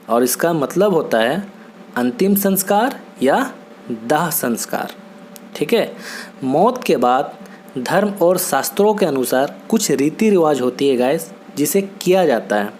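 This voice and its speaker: A man teaching English words in a steady, patient lesson, often checking in with his listeners. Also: a little high, slight background noise. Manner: patient, repetitive, checks in with "theek hai?". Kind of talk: Hindi-language vocabulary lesson.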